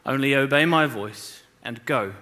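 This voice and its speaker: A man reading the part of a calm, scheming mother who gives firm orders. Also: mid-range voice, a little slow.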